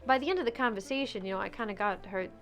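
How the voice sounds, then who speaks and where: A woman's voice: mid-range voice, rapid-fire, faint music behind. A woman in casual role-play chat, talking frankly and swearing freely. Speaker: streamer role-playing a theater owner.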